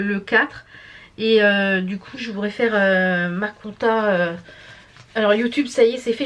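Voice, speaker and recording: A woman's voice: a little high, fairly bright tone. A tired woman chatting casually to camera as a vlogger, rambling and stumbling over her words. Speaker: beauty and embroidery vlogger.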